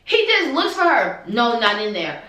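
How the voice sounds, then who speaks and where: A young woman vlogger telling a storytime tale in an animated, dramatic, exasperated way. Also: a little high, normal speed, slight background noise. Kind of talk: storytime vlog. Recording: echoey room.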